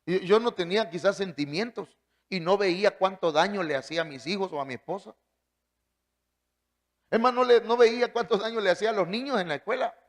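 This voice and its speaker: A man preaching a sermon, emphatic, with big swings in pitch and loudness. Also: a little fast.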